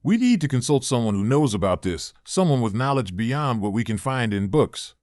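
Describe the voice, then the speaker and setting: A man's voice: mid-range voice, big pitch swings, normal speed, a little mellow, dry recording, studio quality, natural voice. Man reading an earnest, level-headed young man.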